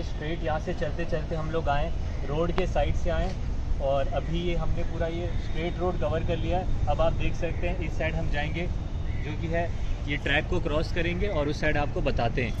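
Young man, travel vlogger, slightly high voice, flat delivery, loud traffic noise behind. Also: muffled recording. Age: young adult. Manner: chatty, addresses viewers as friends. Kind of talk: walking tour vlog. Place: outdoor riverside park. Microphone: handheld phone camera at arm's length. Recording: loud outdoor street noise.

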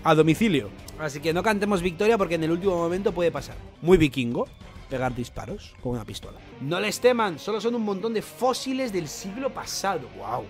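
A young man with a Spain Spanish accent giving excited, jokey, swear-filled reaction commentary on a manga chapter. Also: high voice, fairly quick, soft background music.

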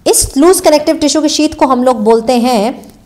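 A woman's voice: high voice, moderate pace, a little mellow. A young Indian woman giving a live biology lecture, mixing English terms into Hindi, calling students "beta" and quizzing them by repeating key answers. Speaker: biology teacher. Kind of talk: live online exam-prep lecture.

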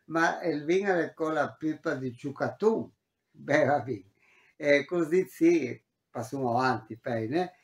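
Slow-speaking male teacher in an echoey room. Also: fairly high pitch. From Argentina. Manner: explanatory, repeats words and switches between languages; tags sentences with questioning "eh?". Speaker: language teacher. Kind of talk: online language lesson. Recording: roomy echo.

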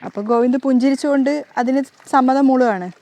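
A woman recapping a TV serial in casual, animated storytelling narration with a dramatic flair. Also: high voice, fast talker.

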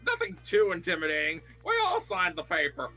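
A man's voice: high voice, wildly swooping pitch, a little fast, pushed and bright, soft background music, heavily acted, low-quality recording. A young man voicing a breezy male pizzeria manager, cheerfully reading game dialogue aloud.

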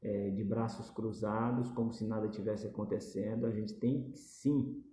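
Holding a phone camera at arm's length in a small indoor room, a middle-aged man with a Brazilian Portuguese accent delivers direct-to-camera political commentary, earnest and repetitive, with gestures. His fairly low, dark voice keeps a steady tone and moderate pace. The sound is reverberant, with slight background noise.

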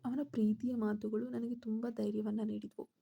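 A woman's voice: on the high side, flat delivery, brisk, gravelly, mellow, husky. A woman narrating a first-person story and voicing the characters' lines herself.

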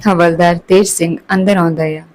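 A woman narrating a Punjabi-accented story, switching between calm telling and raised voices for quarreling characters. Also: on the low side, normal speed, a little hiss or hum, low-quality recording.

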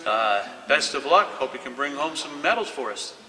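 A man's voice: mid-range voice, sing-song, moderate pace. A man from the school staff giving a plain, encouraging good-luck message. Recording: distant mic, hiss, long reverb.

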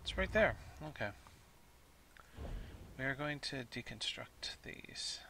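A tired let's play host chatting casually over gameplay, self-mocking and thinking aloud. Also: male voice, mid-range voice, lively intonation, slow, creaky, whispered.

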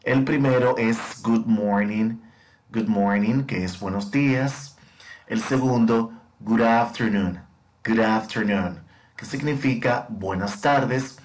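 A man teaching an English lesson, explaining and slowly drilling greetings for students to repeat. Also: medium pitch, slight background noise. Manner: slow, clear, deliberate drilling. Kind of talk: bilingual language lesson with repetition drills.

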